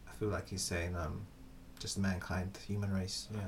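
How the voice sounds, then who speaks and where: A man's voice: low voice, flat delivery, moderate pace. A man in a casual philosophical chat, thinking aloud with hesitant restarts.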